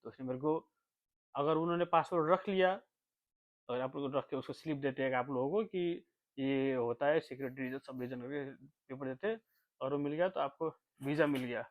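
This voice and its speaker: A man's voice: mid-range voice, normal speed. A young man from Nepal telling a long, rambling story in a casual vlog, repeating himself and dropping his voice when he quotes others. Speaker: vlogger. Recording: tinny phone-like sound.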